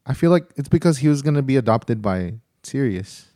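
A man's voice: mid-range voice, animated, a little fast, dark tone, no echo, clean studio sound. A young man chatting casually, laid-back and hesitant, often restarting his sentences. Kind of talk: casual chat.

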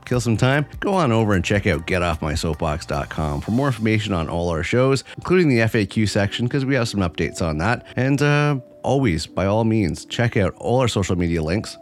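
Lively-voiced man, fifty, podcast host. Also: lowish voice. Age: 50s. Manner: earnest, rambling, repeats phrases. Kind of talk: solo podcast monologue.

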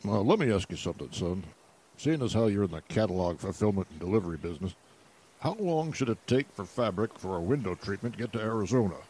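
A man's voice: fairly low pitch, expressive, quick pace, warm tone, slightly rough, poor audio. A man playing a fussy, cowardly Western sheriff who talks hesitantly.

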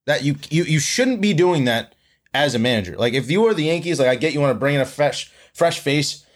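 A young man co-hosting a casual sports chat, arguing in an animated, profane way. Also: on the high side, a little fast.

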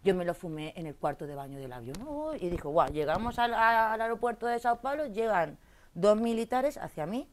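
A woman, an interview guest telling a rowdy story in casual chat, jumping between loud outbursts and low asides. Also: expressive, a little fast, slight background noise. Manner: coarse slangy banter. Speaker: interview guest, tattoo artist.

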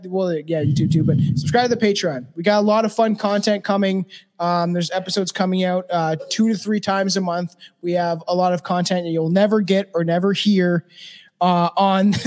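A man in his thirties co-hosting a podcast in casual chat, rambling and swearing with many restarts. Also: sits high. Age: 30s. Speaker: podcast co-host.

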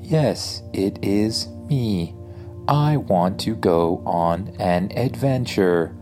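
A man's voice: lowish voice, expressive, extremely slow, mellow, soft background music. A man voicing an eager, matter-of-fact magic spaceship in a children's story, speaking in stiff statements.

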